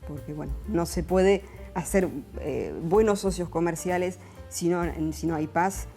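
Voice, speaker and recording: A woman's voice: on the low side, unhurried, mellow, soft background music. A woman, raised in France, reflecting thoughtfully as an interview guest. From born in Argentina, raised in France. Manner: reflective, with frequent hesitations. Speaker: businesswoman and guest. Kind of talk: interview answers, reminiscing.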